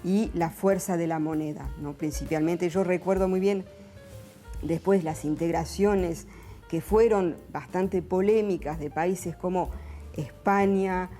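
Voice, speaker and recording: A woman's voice: lowish voice, steady tone, measured pace, dark tone, soft background music. A woman, raised in France, reflecting thoughtfully as an interview guest. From born in Argentina, raised in France. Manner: reflective, with frequent hesitations. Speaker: businesswoman and guest. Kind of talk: interview answers, reminiscing.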